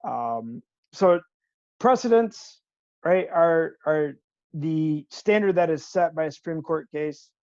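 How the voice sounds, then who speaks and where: A teacher lecturing an online class over a video call that keeps breaking up, talking haltingly with many fillers and restarts. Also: medium pitch, expressive, a little mellow, dry recording, dull audio. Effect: choppy video call audio, connection dropping out.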